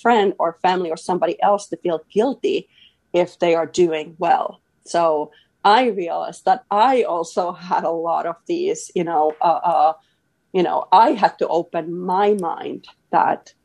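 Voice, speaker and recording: Low gravelly woman. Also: unhurried, darkish tone. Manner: earnest, many fillers and restarts. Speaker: podcast guest, author. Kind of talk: casual interview talk.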